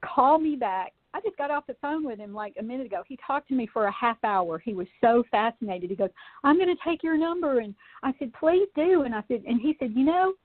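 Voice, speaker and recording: Woman, chatty storyteller, fairly high voice, tinny phone line, dry sound. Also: quick pace, few pauses, no room sound. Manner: chatty, animated, tells anecdotes with many fillers. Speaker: podcast guest, UFO researcher. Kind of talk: casual storytelling in a call-in interview.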